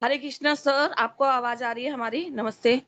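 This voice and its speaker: A woman's voice: high-pitched, steady tone, moderate pace, fairly bright tone, muffled recording. A woman joining an online class, heard through a laptop speaker on a video call, politely confirming that she can hear.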